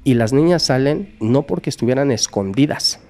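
A man's voice: medium pitch, lively intonation, moderate pace, warm tone, faint music behind. A man with a Mexican accent, a podcast guest, earnestly telling a true crime case in casual talk and acting out the people in it. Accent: Mexican Spanish. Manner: earnest, acts out quoted voices in the story.

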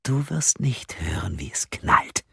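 A man voicing a deranged, gleeful woman kidnapper in an audiobook, with shrill giggling and sing-song menace. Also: animated, moderate pace, no room sound, studio quality, close to an everyday voice. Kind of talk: audiobook character voice.

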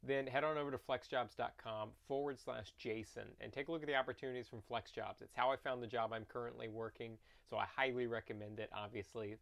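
A man's voice: medium pitch, creaky, a bit bright. A man in his thirties talks casually and earnestly to camera as a vlog host, recorded inside a small camper trailer a little way from the mic.

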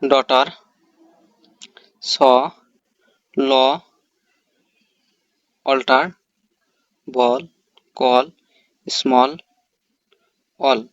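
An English teacher gives a spoken pronunciation lesson, walking through the rules step by step and answering his own questions. His medium-pitched voice is completely flat, a bit bright, and very slow with frequent pauses. The dull-sounding recording has no room sound.

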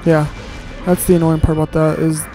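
A man's voice: fairly high pitch, little pitch movement, fairly quick, mellow, soft background music, poor audio. A man giving casual, grumbling let's-play commentary while he plays, with sarcastic asides and casual swearing.

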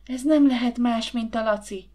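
A woman voicing an excitable, playful teenage girl who whispers eagerly in an audiobook. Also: a little high, natural voice. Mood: excited whispers.

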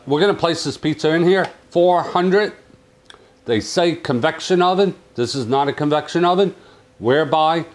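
A man reviewing a kitchen oven in a home kitchen, chatting excitedly with viewers. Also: on the high side. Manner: exuberant, chatty, calls viewers "my friends" and "baby". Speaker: cooking appliance reviewer. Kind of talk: casual cooking review.

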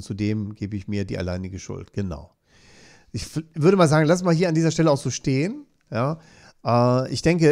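A man's voice: medium pitch, a little mellow. A man hosting a live coaching show, reading viewer comments aloud in an earnest way and often checking in with a questioning "ja?". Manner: earnest, keeps adding questioning "ja?" tags.

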